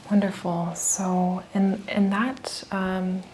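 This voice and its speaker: A woman clinician in an ASMR-style medical exam, whispering gentle step-by-step instructions to her patient. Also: medium pitch, level tone, takes it slowly, slight background noise. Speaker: clinician giving a physical exam.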